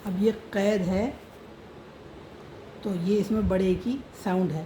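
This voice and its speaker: A woman's voice: medium pitch, fairly even intonation, slow, warm tone, slight background noise, poor audio. A woman teaching how to read and write a script, spelling out letters and sounds patiently. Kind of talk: slow script lesson.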